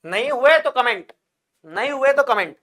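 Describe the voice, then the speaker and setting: A man's voice: extremely high pitch, lively intonation, moderate pace, pushed and bright. A male chemistry teacher giving an exam-prep lecture, asking questions and answering them himself, calling his students brother, and using jokey wordplay to make things stick. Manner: calls students brother and child; jokey memory tricks with wordplay.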